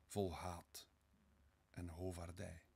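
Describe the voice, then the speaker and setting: Low, husky male narrator. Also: flat delivery, mellow. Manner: measured, dramatic storytelling. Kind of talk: audiobook reading of a classic novel.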